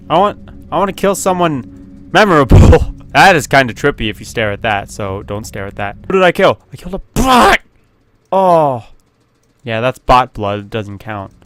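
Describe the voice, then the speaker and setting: A man giving casual, excitable commentary as he plays a video game at his computer, laughing often and yelping when something happens. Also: fairly high pitch. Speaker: gaming video host. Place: at home at a computer with webcam.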